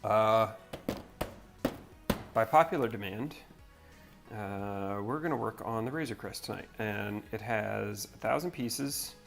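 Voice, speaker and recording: A man's voice: lowish voice, takes it slowly, creaky, pauses often, faint music behind. A man from North Carolina hosting a livestream, chatting casually and rambling in a laid-back way as he builds. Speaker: livestream host. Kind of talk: casual chat while building.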